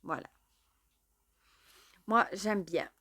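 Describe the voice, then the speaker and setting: A woman's voice: medium pitch, very slow, bright, forceful tone, no room sound. Chatty woman unboxing cards. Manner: chatty, fills with "voilà" and "euh". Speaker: tarot and oracle deck reviewer. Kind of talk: casual unboxing chat.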